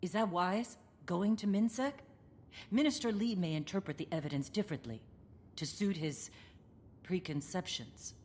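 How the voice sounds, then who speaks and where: A woman's voice: fairly low pitch, normal speed, a little mellow, close to an everyday voice. A woman playing a dry, level-headed detective in a video game. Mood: wary. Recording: long reverb, faint background noise.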